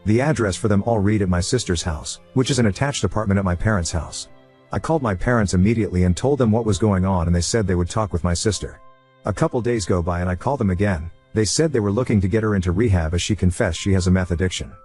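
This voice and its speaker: A man narrating online stories aloud in a brisk, steady delivery. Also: low-pitched, breathy edge, soft background music.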